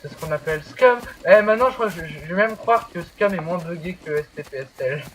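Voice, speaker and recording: A man's voice: on the high side, fast talker, a bit bright, a little hiss or hum. A man chatting casually while playing a video game, joking and rambling with fillers. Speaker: gamer. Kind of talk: casual gaming chat.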